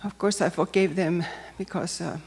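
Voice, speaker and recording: A Finnish woman gives a personal testimony as a church member, speaking English as a second language with a Finnish accent. She talks carefully and hesitantly, pausing often. Her voice is fairly low, steady, and darkish, with a slight hiss or hum in the background.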